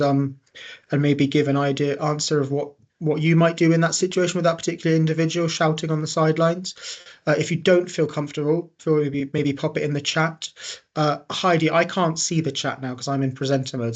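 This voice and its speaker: Man, online training co-presenter, hesitant, lots of ums. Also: fairly high pitch. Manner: hesitant, many fillers. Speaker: webinar co-presenter.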